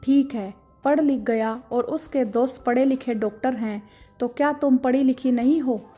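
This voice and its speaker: A woman's voice: sits high, normal speed, warm tone. A woman voicing a stern, caring middle-aged husband who scolds with indignation. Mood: indignant.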